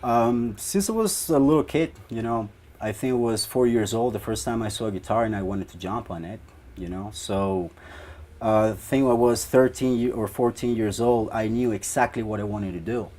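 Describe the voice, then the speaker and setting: A man's voice: on the low side, normal speed, dark tone. A young man from Ecuador, a band guitarist, answering interview questions in a rambling way with many fillers.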